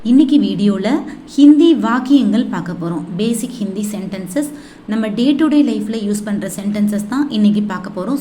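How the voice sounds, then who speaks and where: A woman teaching Hindi phrases, repeating each one slowly and clearly. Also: medium pitch, dark tone, slight background noise. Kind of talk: language lesson, slow repetition.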